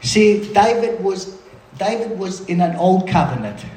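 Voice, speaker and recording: Animated man preaching in an echoey hall. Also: high-pitched, measured pace. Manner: animated, conversational preaching with asides. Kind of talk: sermon. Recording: roomy hall sound with faint ambience.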